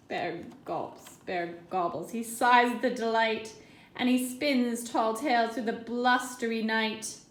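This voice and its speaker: A woman reading a picture book aloud to children, slow and expressive. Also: a little high, slight background noise. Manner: slow, expressive, sing-song. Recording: echoey room.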